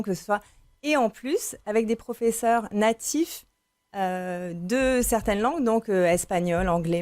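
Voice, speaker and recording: A woman, a mother of three, speaking as a guest in a television interview, lively and talkative with many fillers. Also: mid-range voice, no room sound, studio quality. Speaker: parent guest.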